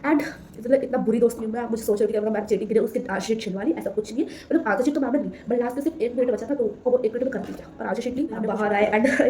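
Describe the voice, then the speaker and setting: A woman's voice: fairly high pitch, warm tone. A teenage girl vlogging casually to camera, rambling, repeating herself and laughing as she tells a story.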